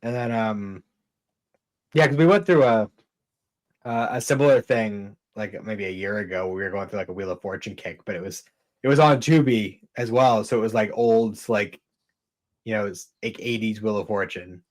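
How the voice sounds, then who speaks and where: A man's voice: lowish voice, normal speed. A man co-hosting a podcast in casual chat, rambling with lots of fillers and swearing. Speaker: podcast co-host.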